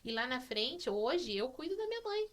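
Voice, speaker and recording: A woman's voice: sits high, sing-song, normal speed. A woman with a Brazilian accent, a guest on a casual podcast, telling a personal story with feeling and repeating words as she goes. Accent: Brazilian Portuguese.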